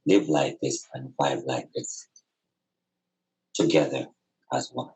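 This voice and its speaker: Talking slowly in a low, rumbling, slightly mellow voice, a podcast guest reasons casually about spirituality, community, and life. He is earnest and emphatic, often repeating phrases for emphasis, on a low-quality recording.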